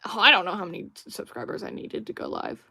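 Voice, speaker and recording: A woman's voice: lowish voice, wildly swooping pitch, quick pace, gravelly, bright, forceful tone, husky, dry recording. Rambling young woman streamer, dry sound. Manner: rambling, musing, many fillers and restarts; reads viewer chat aloud. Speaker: livestream host. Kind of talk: casual livestream chat while drawing.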